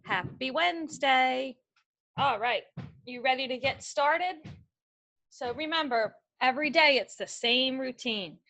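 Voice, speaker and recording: Speaking slowly with a high, bright voice touched by vocal fry, this woman has a forceful tone. She is an elementary school teacher reading a picture book to young children over a remote class and walking them patiently through instructions one step at a time.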